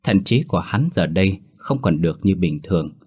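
A male storyteller reading a ghost story aloud in a steady, dramatic manner. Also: low voice, normal speed, slightly rough. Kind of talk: scripted horror story narration.

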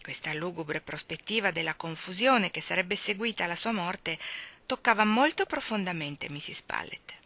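Donna che legge con voce chiara e brillante. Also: female voice, lowish voice, normal speed. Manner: steady, expressive reading. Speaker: reader. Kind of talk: audiobook narration.

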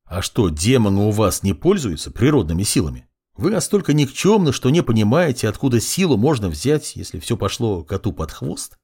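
A man's voice: lowish voice, sing-song, a little fast, warm tone, husky, exaggerated voice. A man voicing a haughty young demoness who talks down to others in an audiobook. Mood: scornful. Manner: condescending, mocking. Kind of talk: audiobook character voice.

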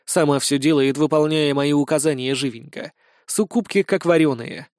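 A man reading a first-person fantasy audiobook in a measured storytelling manner. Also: a little high, darkish tone, dry recording, studio quality. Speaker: audiobook reader.

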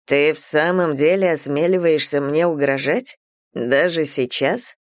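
A haughty male god from a fantasy audiobook, as a woman reads him, lowering the voice into slow, deliberate, scornful lines. The delivery is close and dry, with no room around it. He teases rather than shouts. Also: no room sound. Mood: mocking. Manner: slow, low, mocking. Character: stern, teasing, arrogant male god. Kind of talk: audiobook character voice.

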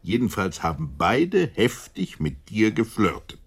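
Husky low-voiced flustered gentleman doctor, Doctor Watson. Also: very animated, measured pace, heavily acted. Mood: troubled. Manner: hesitant, stammering, questioning. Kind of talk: German radio drama acting.

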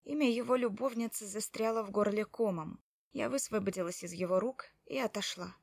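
A woman reads an audiobook as its heroine, telling the story in the first person. Her reading is expressive and emotional, in a mid-pitched voice. The sound is dry, close, and without room echo. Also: brisk, creaky. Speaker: narrator.

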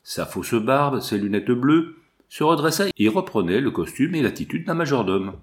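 A man reads a classic novel aloud as narrator, in a measured, even delivery. His voice sits at an ordinary middle pitch for a man. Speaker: audiobook narrator.

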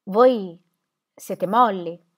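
A woman's voice: mid-range voice, drawn-out words. A woman reading an audiobook, voicing a fragile young widowed mother who speaks weakly and imploringly. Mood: bewildered. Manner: weak, imploring.

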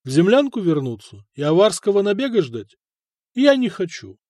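Audiobook: male narrator as a cold, stubborn prince, firm and cutting, fairly high voice, dry close sound. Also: sing-song, moderate pace, a little mellow, no echo. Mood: stern. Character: stern, cold middle-aged prince, stubborn ruler.

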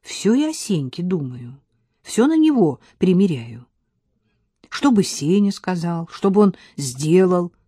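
A woman's voice: fairly low pitch, very animated, slow, warm tone, breathy edge, no echo, studio quality, heavily acted. A woman voicing an impulsive young mother who talks in a heated, emphatic way. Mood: agitated.

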